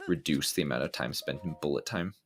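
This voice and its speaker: A man narrates a speedrun live, walking through routes in a laid-back way full of ums and restarts. His voice is extremely low and he talks fast.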